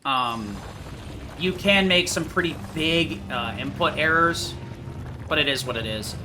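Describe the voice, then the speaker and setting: Man, speedrunner commentary, slightly high voice, casual and rambling, self-critical, clearly noisy recording. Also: animated, a little slow. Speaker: speedrunner commentating on his own game run.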